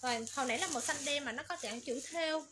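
A woman running a livestream clothing sale, rattling off colors, sizes and prices in quick, repetitive patter. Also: high voice. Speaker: online clothing seller. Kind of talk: livestream sales pitch. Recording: noisy background.

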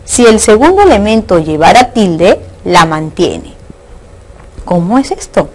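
A woman's voice: mid-range voice, big pitch swings, measured pace, darkish tone, rough recording. A woman from Peru teaching a recorded lesson on Spanish accent marks. She keeps asking rhetorical questions and checks in with her students as she goes.

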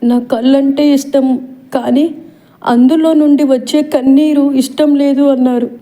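A woman voicing a heartbroken young woman in an audiobook, speaking in a high, tearful, pleading voice. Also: steady tone, normal speed, dark tone, close to an everyday voice. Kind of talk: audiobook role reading.

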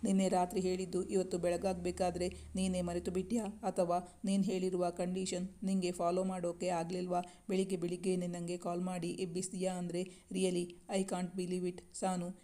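A woman's voice: fairly low pitch, completely flat delivery, normal speed, dark tone, natural voice. A woman reading the lines of a young man, a playful and reassuring boyfriend, in a storybook. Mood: teasing.

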